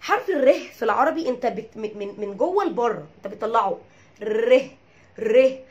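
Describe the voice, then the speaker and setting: A woman's voice: fairly high pitch, very animated, quick pace, highs cut off. A woman with an Egyptian Arabic accent teaching English pronunciation, drilling each word by repeating it and checking in with her listeners. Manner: checks in with "tamam?". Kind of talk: pronunciation lesson.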